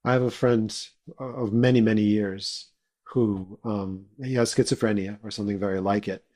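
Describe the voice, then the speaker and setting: A man hosting a podcast interview, a bass player himself, prompting his guest with friendly questions. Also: fairly even intonation, moderate pace, dark tone.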